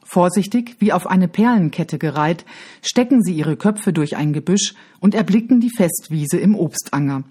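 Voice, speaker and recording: A woman reading a children's storybook aloud in a lively, expressive narration. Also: fairly low pitch, slightly rough. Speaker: audiobook narrator.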